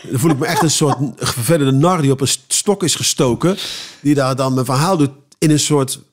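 A man who performs cabaret, telling rambling, animated anecdotes with many restarts in a casual podcast interview. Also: mid-range voice, fairly quick.

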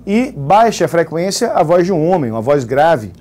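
A man's voice: on the high side, sing-song, normal speed, darkish tone. A man co-teaching a live exam-prep class with a Brazilian Portuguese accent, joking and reading out viewers' towns. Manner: jokey, reads out audience towns.

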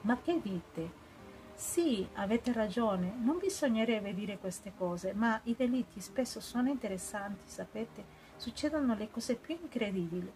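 A woman reading the part of an elderly English spinster detective, gentle and hesitant, searching for her words. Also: medium pitch, lively intonation, unhurried, rough recording. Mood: musing. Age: older. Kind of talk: audiobook character reading.

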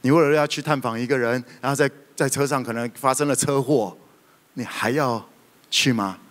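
A man preaches a sermon in a lively, storytelling way. His voice sits at an ordinary middle pitch. It carries a long reverberant echo from the hall around him. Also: normal speed. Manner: animated, lively storytelling with sudden loud outbursts. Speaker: pastor.

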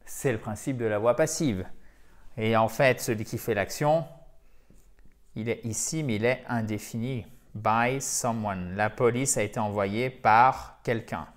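A man's voice: mid-range voice, measured pace. A man with a French accent, teaching an online English lesson and explaining grammar and pronunciation step by step to his viewers. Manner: explains step by step, addresses viewers as chers amis.

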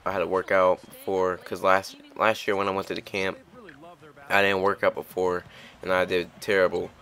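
A man's voice: deep voice, completely flat delivery, moderate pace, a bit bright. A young man talking casually over his gameplay in a rambling way, often restarting his sentences. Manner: rambling, chatty, with frequent restarts. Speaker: gaming channel host.

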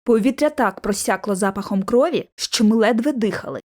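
A woman reading an audiobook aloud with clear, expressive narration. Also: medium pitch, fairly quick. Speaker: audiobook reader.

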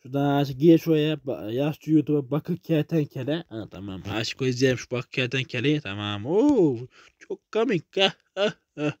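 Swearing young Turkish gamer, dry close mic. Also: male voice, mid-range voice, animated, moderate pace, no echo. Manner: loose, swearing banter with sudden loud outbursts. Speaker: gaming YouTuber. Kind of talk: casual gameplay commentary.

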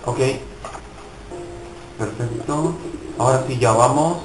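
A young man hosting a gaming video talks casually over his gameplay, his mid-range voice slow and roomy against background music. The recording is rough, and he swears and mocks himself in bursts of frustration.

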